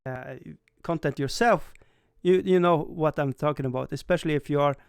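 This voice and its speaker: A young Swedish-born man, speaking English in a clear, resonant voice that sits a little high for a man, hosts a livestream and rambles casually to his chat at a moderate pace. Self-deprecating, he keeps stumbling into stammered restarts and laughing at himself, recorded close and dry without room echo.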